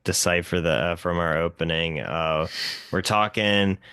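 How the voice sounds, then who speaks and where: A man's voice: deep voice, measured pace, sharp tone, smooth, no echo, clean studio sound. A man co-hosting a podcast, chatting casually about films and hesitating often with "uh" and "like". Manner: hesitant, filler-heavy, with many "uh"s and "like"s. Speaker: podcast co-host. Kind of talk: casual film discussion.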